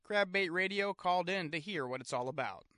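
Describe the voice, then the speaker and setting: A man's voice: sits high, animated, brisk, very noisy. A man hosting a radio show, reading scripted mock news narration.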